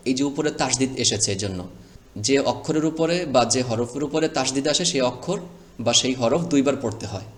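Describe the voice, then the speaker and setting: A man's voice: medium pitch, brisk, slight background noise. A man teaching Quran reading over a screen recording, explaining rules patiently step by step and sounding out letters one at a time.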